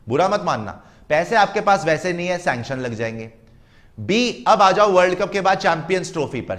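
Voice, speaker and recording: A man's voice: a little high, a bit bright. Emphatic man lecturing on cricket. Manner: emphatic, lecturing, mocking imitations. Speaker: cricket commentator. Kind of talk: opinionated cricket commentary.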